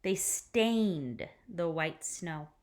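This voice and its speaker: Reading aloud from a picture book for kids, this woman teacher is expressive, taking deliberate pauses and ending phrases softly. Her voice sits on the low side.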